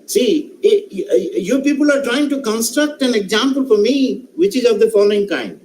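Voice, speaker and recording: Indian guy lecturing online, high animated voice, keeps repeating himself for emphasis, faint hiss. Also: normal speed, rough recording. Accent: Indian English. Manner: emphatic, rhetorical, repeats and restarts phrases. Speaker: professor giving an online lecture. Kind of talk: lecture with questions to online participants. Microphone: online session microphone.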